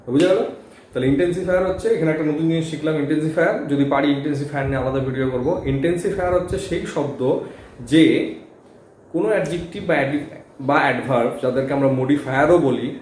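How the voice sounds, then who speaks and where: A man's voice: fairly high pitch, fast talker, darkish tone. A man teaching English grammar in Bengali, explaining step by step and often checking "okay?" with his students. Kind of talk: board lesson explaining grammar. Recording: very echoey room, faint background hum.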